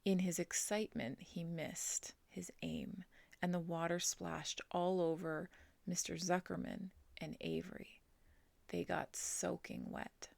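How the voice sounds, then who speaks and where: A woman reading a children's novel aloud, slowly and gently, dropping to a whisper in quiet passages. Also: lowish voice, flat delivery, creaky, dry recording. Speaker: storybook reader.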